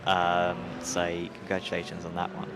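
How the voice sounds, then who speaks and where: A man's voice: sits low, monotone, normal speed, background noise. A man commentating a sim racing broadcast, hesitant and full of fillers. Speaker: race commentator.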